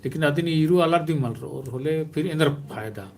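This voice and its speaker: A man hosting a live stream, answering viewers' questions in a slow, hesitant way with many filler sounds. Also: on the high side, creaky, darkish tone, a little hiss or hum.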